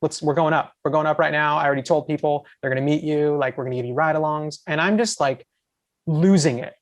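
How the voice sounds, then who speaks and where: American guy, bit higher voice, rambling excited podcast story. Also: fast talker. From USA. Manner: excited, rambling, quotes himself. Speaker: podcast guest. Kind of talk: casual storytelling chat.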